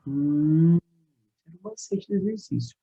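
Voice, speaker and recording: A Brazilian Portuguese man teaching a chemistry lesson, walking students through an exam answer. His voice is very dark and mellow. He talks to the class directly and drags out each formula step by step. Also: a little high, expressive, vocal fry, highs cut off. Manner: explanatory, addresses students directly, repeats formulas slowly.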